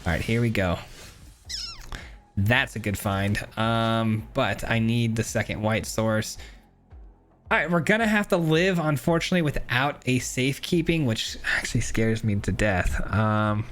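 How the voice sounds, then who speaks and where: A man's voice: fairly low pitch, a little slow, a bit bright, faint music behind. A man casually commenting on his own card game as he plays, chatty and self-critical, with frequent ums and uhs. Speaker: gameplay streamer.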